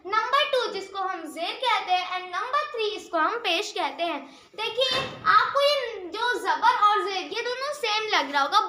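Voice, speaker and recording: A woman teaching the Urdu script, who asks questions and answers them herself, repeats key sounds slowly and mixes English words into her Hindi. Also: extremely high pitch, pushed and bright, reverberant. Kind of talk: spoken tutorial explaining Urdu script.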